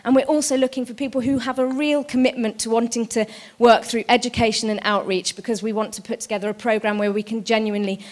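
A woman's voice: fairly high pitch, steady tone, quick pace. A woman presenting her company's show at an arts conference, earnest and fluent. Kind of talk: live pitch at an arts conference.

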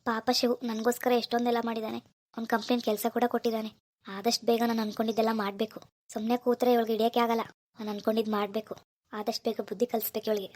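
A woman's voice: high voice, rapid-fire, a little mellow. A woman voicing a worried, jealous young husband from a village, scolding and muttering to himself. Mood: fretful. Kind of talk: cartoon voice acting.

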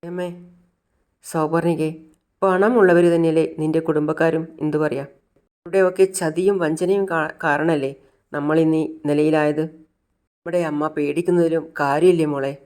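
Gentle pleading Malayali sister-in-law, voiced by a storyteller. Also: medium pitch, steady tone, moderate pace, smooth, natural voice. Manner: pleading, reasoning. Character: gentle elder sister-in-law urging a match.

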